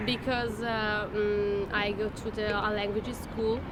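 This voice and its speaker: A woman's voice: medium pitch, little pitch movement. An Italian woman with an Italian accent, searching for her words in a casual street interview. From Venice, Italy. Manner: halting, searching for words in English. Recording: loud outdoor street and traffic noise.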